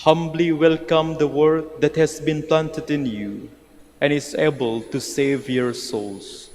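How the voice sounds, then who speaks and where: A man reading scripture and the psalm aloud at Mass in a slow, measured way, his voice echoing through a large church. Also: a little high, fairly even intonation, music in the background. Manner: slow, measured liturgical delivery. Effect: cathedral echo. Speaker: lector. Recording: long church reverb with faint noise.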